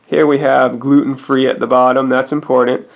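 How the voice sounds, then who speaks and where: Man with creaky voice, rambling food review. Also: mid-range voice, level tone, normal speed, dull audio. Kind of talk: casual product review.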